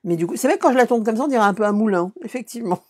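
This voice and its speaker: A woman's voice: fairly high pitch, animated, rapid-fire, darkish tone. A middle-aged woman from France hosting a live craft stream, chatting casually, answering viewers and showing her work, with many fillers and restarts.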